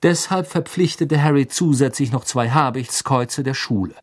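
A man narrating an audiobook in calm, even storytelling. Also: mid-range voice, normal speed.

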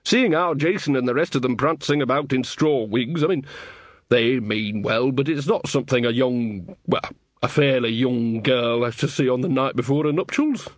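A man's voice: medium pitch, moderate pace, no room sound, close to an everyday voice. A man voicing an earthy, shrewd old woman witch who talks in a folksy, blunt, teasing way. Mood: wry. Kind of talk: audiobook character reading.

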